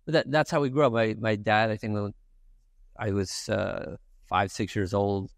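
This is a clean, studio-quality recording with no room sound of a fortyish Ukrainian man, Russian-speaking from birth, earnestly responding as a guest in a casual podcast interview. His voice is lowish, with fairly even intonation and a moderate pace. The setting is a bright office furnished with a lounge set.

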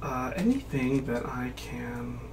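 Slow-talking, self-mocking male game streamer. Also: medium pitch, noisy background. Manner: self-mocking, swears, sudden excited exclamations. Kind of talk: casual let's-play commentary.

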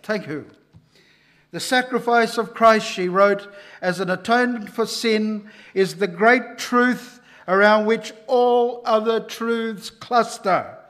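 An older man with a voice that sits high preaches slowly into a church lectern microphone, his delivery emphatic and rising in volume on the key lines.

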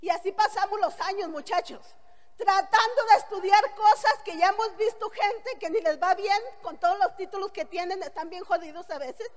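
A woman's voice: very high-pitched, moderate pace, in a large hall. A middle-aged Mexican woman giving a blunt, earthy, joking testimonial speech to an audience. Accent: Mexican Spanish. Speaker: motivational speaker.

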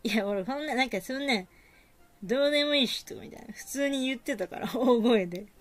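Rough-talking woman streamer. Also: high voice, quick pace, a bit bright, faint music behind. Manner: rough, self-mocking, repeats herself. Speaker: game streamer. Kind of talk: casual live-stream commentary.

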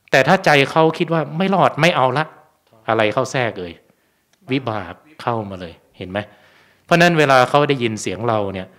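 A Buddhist monk gives a relaxed Dharma talk at a temple. He talks in an easy, conversational way and keeps checking in with rhetorical questions. His voice sits at an ordinary middle pitch for a man.

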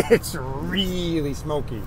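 A Canadian man giving upbeat, chatty commentary while driving, recorded by a dashboard camera inside a moving vehicle over loud road noise. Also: a little high, slow. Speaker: car-hunting vlogger. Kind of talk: casual driving vlog commentary. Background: car and engine noise.

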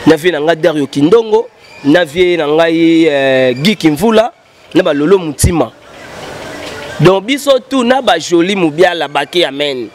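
A musician in his thirties is interviewed outdoors before a painted backdrop, speaking into the interviewer's handheld mic. His slightly high, animated voice races through rambling memories in a mix of French and Lingala while he gestures widely. Slight background noise.

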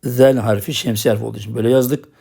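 A man with a Turkish accent teaching Arabic writing, saying each example word slowly twice and then explaining it quickly. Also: medium pitch, steady tone, creaky, mellow, breathy edge. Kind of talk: recorded lesson.

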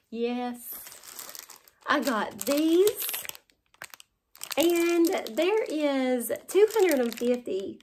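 This forties-aged haul vlogger from West Virginia, Southern accent and all, happily shows off her buys at home, laughing often, with the camera close in front. Her voice is a little high with a darkish tone, and a little hiss or hum runs underneath.

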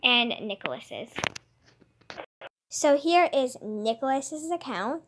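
A woman hosts a casual gaming video, chatting as she plays. Her voice is high-pitched, expressive and fairly bright, her pace slow, and the home recording is noisy with clicks.

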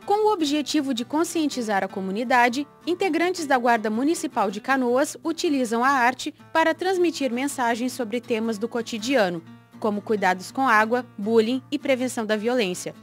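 A woman's voice: on the high side, expressive, moderate pace, soft background music. A young woman reading a scripted news report as a reporter and presenter. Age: young adult.

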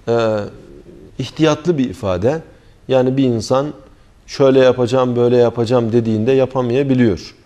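Mellow-voiced man teaching scripture. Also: mid-range voice. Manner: measured explanatory delivery with frequent hesitations; recites Arabic verses then translates. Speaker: Quran commentary teacher. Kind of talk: religious lecture.

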